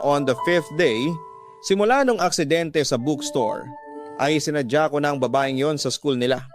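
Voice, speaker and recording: A man reading a listener's love story aloud in an earnest, confessional first-person narration. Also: mid-range voice. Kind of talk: scripted narration. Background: music.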